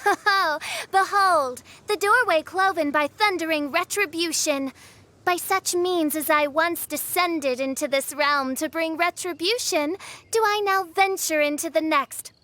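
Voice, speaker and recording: Pompous, high-voiced young dark princess. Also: female voice, a little slow, exaggerated voice. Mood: grand, solemn. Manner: pompous, archaic, dramatic declaiming. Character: grandiose theatrical young princess of darkness. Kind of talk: video game voice acting. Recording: faint music behind the voice.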